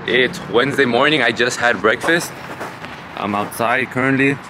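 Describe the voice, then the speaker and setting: A man's voice: medium pitch, moderate pace. A young man, chatting casually to camera as a fitness vlogger. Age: young adult. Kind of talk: casual vlog chat to camera. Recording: noisy vlog audio with ambient noise.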